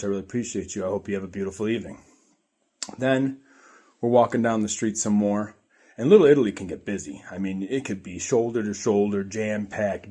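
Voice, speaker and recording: A man with a fairly low voice tells a story from his day, talking casually and earnestly. He rambles a bit and repeats himself as he goes. He sounds middle-aged and speaks straight to his viewers. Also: darkish tone. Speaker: vlogger.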